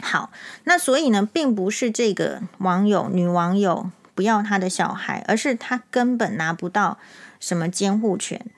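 Middle-aged lady doctor chatting on her podcast, emphatic and fired up, mid-pitched voice. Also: normal speed. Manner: animated, indignant, emphatic when retelling. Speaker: podcast host, eye doctor. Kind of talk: casual storytelling monologue.

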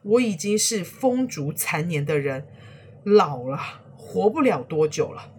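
A woman's voice: on the low side, sing-song, measured pace, a little hiss or hum. Woman doing an anguished old retainer. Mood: earnest. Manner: cries out in anguished, raised pleas. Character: old loyal male retainer, desperate and defiant.

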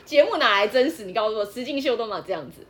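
A woman's voice: fairly high pitch, animated, quick pace, a bit bright. A woman co-hosting a casual podcast with her husband, playfully teasing him and dramatizing everyday scenes in acted-out quotes. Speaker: podcast co-host, wife. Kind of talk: casual couple chat.

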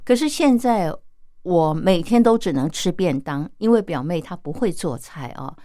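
Woman as a tired elderly aunt who complains gently, low voice, dry and close. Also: lively intonation, moderate pace, no echo, close to an everyday voice. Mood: weary. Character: elderly sick aunt, weary and aggrieved.

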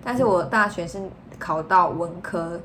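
A woman co-hosting a podcast, chatting casually with teasing remarks and quick interjections. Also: fairly low pitch, a bit bright, a little hiss or hum. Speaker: podcast co-host. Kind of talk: casual chat.

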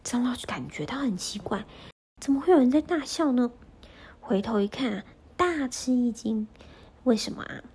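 A woman narrates a children's folk tale in a gentle storyteller's manner. She draws out her sentence endings and speaks straight to the young listeners. Her voice is breathy and mellow. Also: on the high side, lively intonation. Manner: gentle, addresses children with drawn-out particles.

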